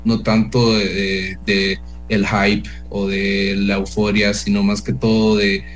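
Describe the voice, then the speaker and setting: A man, a DJ guest in a casual radio interview, talking hesitantly with many pauses and restarts. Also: on the low side, monotone, soft background music, poor audio. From El Salvador.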